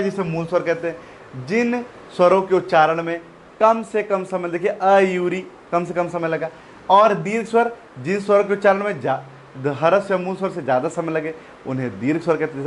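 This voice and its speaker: A man's voice: high-pitched, slight background noise. Man drilling grammar for exam prep. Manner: repetitive, drills letters aloud and keeps urging students to take notes. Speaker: teacher.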